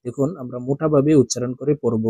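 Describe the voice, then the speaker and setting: A man teaching Quran reading in a recorded video lesson. He recites letters in a slow, drawn-out, melodic way with careful pronunciation and speaks directly to his viewers. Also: medium pitch, steady tone, dark tone, breathy edge, dry recording. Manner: instructive, addresses viewers directly.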